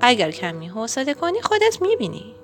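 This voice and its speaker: Woman reading as a busy storybook mom, brisk and caring, a bit high and lively. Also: music in the background. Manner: brisk, motherly instructions. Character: Mrs. Boot, brisk caring farm mother.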